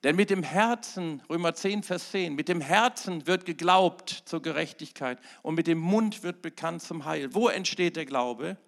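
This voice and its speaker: A middle-aged man delivers a sermon as pastor. His voice sits a little high and carries a gravelly edge. He hammers single words at full force, then drops to near-hushed asides. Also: normal speed, hardly any pauses. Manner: emphatic preaching with sudden loud peaks and quiet asides.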